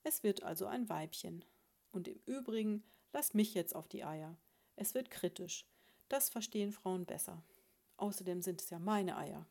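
A woman with a gravelly, mid-range voice reads a storybook at normal speed. She plays a prim, confident female sparrow who lectures her husband with gentle, condescending scolding.

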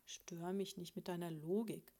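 A woman reading a storybook, voicing a prim, self-assured female sparrow who lectures her husband in a patronizing, gently scolding way. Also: fairly low pitch, steady tone, unhurried. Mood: lecturing.

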